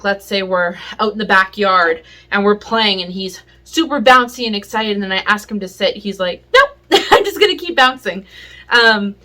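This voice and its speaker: A woman casually explaining dog training in a home vlog, relaxed and chatty, with plenty of fillers. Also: mid-range voice. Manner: relaxed and chatty, with many fillers and little laughs. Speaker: pet vlogger. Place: home, indoors.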